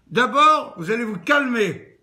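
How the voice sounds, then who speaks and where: A formal male air traffic controller, reassuring and official, as the teller puts him on. The voice rides a little above the teller's own and stays bright. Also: very high-pitched, expressive, measured pace, voice pushed up, full character voice.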